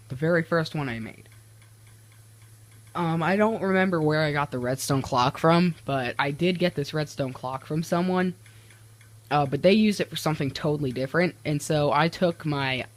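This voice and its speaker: Teen male gamer, slightly high voice, rambling commentary at a desk mic, keyboard clicks behind. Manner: rambling, self-interrupting, easily exasperated. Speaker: gaming video creator. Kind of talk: casual gameplay commentary.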